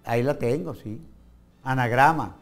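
A man's voice: mid-range voice, soft background music. A man with a Venezuelan accent hosting a comic TV talk show, reading word trivia in a playful, teasing way. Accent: Venezuelan Spanish. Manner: playful and teasing, jumps between fast asides and slow stressed words. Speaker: TV show host.

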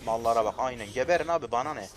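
A young man commentating his own gameplay, excitable and quick to frustration, shouting at his teammates. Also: medium pitch. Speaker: gamer streaming gameplay. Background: game music.

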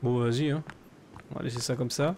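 A man commentating his solo survival game, chatty and rambling with many fillers, often breaking into excited shouts. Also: mid-range voice, a little fast, slight background noise. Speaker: gaming YouTuber.

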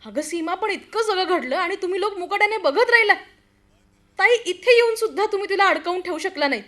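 A concerned young friend in an old-fashioned radio drama. Her voice is high, earnest and pressing, with theatrical weight on the words. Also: lively intonation, quick pace, fairly bright tone. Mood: reproachful. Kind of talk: radio play acting, old radio show manner.

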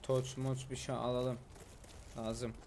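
A young man chatting through a fantasy game, relaxed one moment and shouting at enemies the next. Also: medium pitch, slow, slight background noise. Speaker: gameplay streamer. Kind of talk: casual gameplay commentary.

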